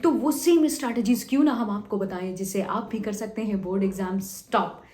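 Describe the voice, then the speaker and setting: A woman's voice: medium pitch, a little fast, mellow, reverberant. A young woman teacher giving exam tips to students, repeating phrases for emphasis and acting out a story between two students. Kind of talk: motivational talk to students with a told story.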